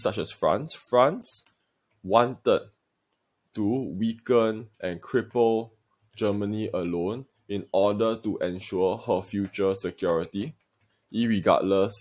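A male secondary school history teacher, giving a recorded video lesson in a deliberate, emphatic lecturing manner and speaking directly to his students. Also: on the low side, darkish tone.

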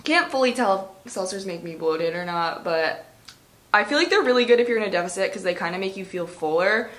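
A woman's voice: medium pitch, lively intonation, fairly quick, a bit bright. A young woman talking casually to her phone camera in a vlog, chatty, with lots of fillers and the odd swear word. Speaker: vlogger. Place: gym, then at home.

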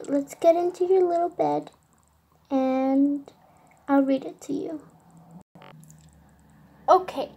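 A young performer voicing a gentle mother sea creature who soothes her child and reads scripture aloud in a toy-figure skit. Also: sits high, creaky, heavily acted.

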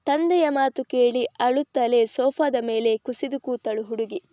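A woman storyteller reading an audio novel with an expressive, scripted narration. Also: a little high, measured pace, no room sound, studio quality.

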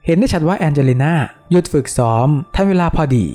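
A man reading a novel aloud as an audiobook narrator, with expressive, animated narration. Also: fairly high pitch, fast, faint music behind. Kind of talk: storybook reading.

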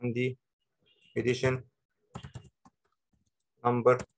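A man with an Egyptian accent teaching a software tutorial, talking the viewer through each step and repeating short phrases. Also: mid-range voice, completely flat delivery, drawn-out words. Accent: Egyptian Arabic. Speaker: Photoshop instructor. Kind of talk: screen-recorded software tutorial.

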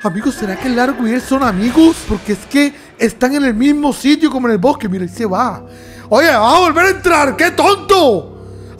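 A young man commenting on a horror video game in an excitable way, yelping, laughing and talking straight to his viewers. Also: very high-pitched. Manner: excitable, yelps and laughs, talks to viewers as "amigos". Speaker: gaming YouTuber.

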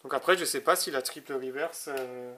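A young man from France casually commenting while opening a box of trading cards, reading card names slowly with small asides. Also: mid-range voice, pushed and bright, slight background noise. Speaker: card-opening video host.

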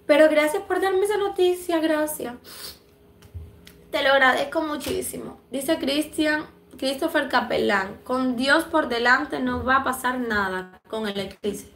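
Her phone camera at arm's length in a small indoor room, a young adult livestream host from Cuba and the Dominican Republic chats warmly through viewer comments, laughing often, a bit stuffy from allergies. She speaks high and fairly bright at a measured pace, and the sound is roomy.

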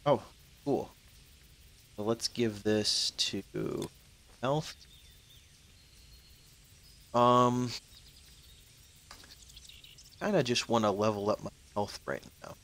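This young man, twenty-one, hosts a gaming channel and gives loose, talkative let's-play commentary, cursing occasionally at on-screen events. He speaks slowly and expressively in a fairly low voice with vocal fry, pausing often. Faint noise sits in the background, and softer moments cut out.

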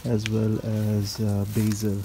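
A man giving a casual narrated tour of his home garden, explaining plants in a relaxed way with frequent ums, recorded outdoors on a handheld phone. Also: fairly low pitch, slow, slight background noise.

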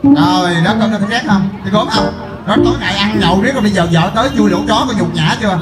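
A man's voice: sits high, very fast, roomy sound, loud music behind the voice, close to an everyday voice. A man playing a shrieking jealous wife. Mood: scolding. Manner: wailing, scolding, crying out to the crowd. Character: loud jealous wife hunting her drunk husband. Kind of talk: live stage comedy skit.

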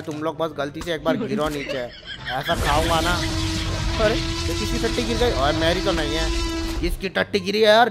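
A man giving excited gameplay commentary with banter, loudly teasing and yelling at the dinosaurs in street slang, on a headset mic at a home gaming setup. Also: fairly high pitch. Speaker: gaming YouTuber.

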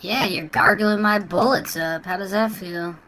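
In a taunting mood, a man who hosts prank gaming videos disguises himself with a voice changer as a crude, obnoxious little kid mocking players in game chat. The voice is high and unhurried with fairly level intonation, and a crowd can be heard behind him.

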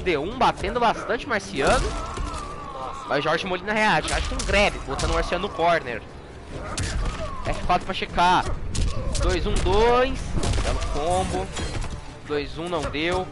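A man with a Brazilian accent giving excitable, slangy live fighting game commentary, full of jargon. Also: high voice, a little slow. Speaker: esports match commentator. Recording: game music behind the voice.

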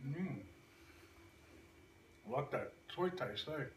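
A man's voice: a little high, lively intonation, slow pace, a little hiss or hum. A man, a guest taster in a casual vlog, making short laid-back remarks.

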